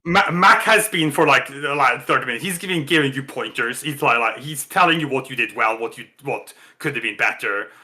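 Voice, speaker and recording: A man's voice: medium pitch, brisk, hardly any pauses, bright, forceful tone. A man narrating a tabletop game as game master, rambling with lots of restarts. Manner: rambling, full of fillers and restarts, laughs often.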